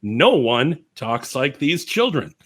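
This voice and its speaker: A man in his thirties from the American Midwest co-hosting a casual film review podcast, joking around and animated. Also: takes it slowly. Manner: animated, jokey, jumps to high pitch for emphasis. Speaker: podcast co-host.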